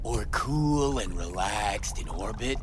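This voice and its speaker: A man playing a jaded, foul-mouthed aging rock musician in a video game, gruff and theatrical. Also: lowish voice, lively intonation, slow, a crowd in the background. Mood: bitter.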